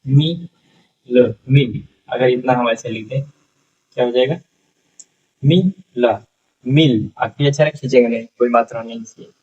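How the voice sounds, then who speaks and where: A man teaching a beginners' reading lesson, sounding out syllables slowly, repeating each word and often checking that the class follows. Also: mid-range voice, darkish tone, husky, distant mic, muffled recording.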